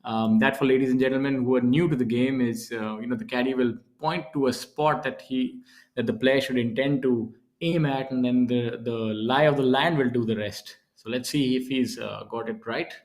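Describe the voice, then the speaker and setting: A man gives live golf commentary with an average-pitched voice. He talks conversationally, explaining as he goes and wandering through his thoughts at some length. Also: fairly even intonation, normal speed, darkish tone. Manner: explanatory, discursive, addressing newcomers and co-commentator.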